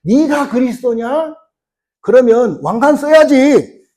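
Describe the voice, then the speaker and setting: Scornful male mockers jeer in a high, taunting voice, as a preacher acts them out. Their delivery is slow and sneering, with big swings of pitch. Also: animated, warm tone, heavily acted. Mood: mocking. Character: jeering mob of male mockers.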